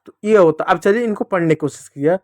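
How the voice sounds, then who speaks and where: High-voiced man teaching phonics to children. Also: fast talker, darkish tone, no echo. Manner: repetitive, asks and answers own questions. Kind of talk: classroom phonics lesson.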